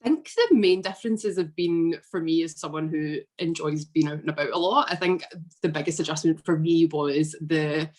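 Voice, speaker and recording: A young Scottish woman in her twenties, chatting casually as a podcast guest with lots of fillers. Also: low-pitched. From Scotland. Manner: chatty, relaxed, frequent fillers. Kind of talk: casual interview.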